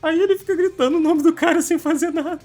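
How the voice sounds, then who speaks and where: A man's voice: very high-pitched, fairly even intonation, fast, darkish tone, faint music behind. A Brazilian man as guest co-host, reading a scripted commentary recap with sarcastic jabs. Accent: Brazilian Portuguese. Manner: sarcastic, swooping delivery.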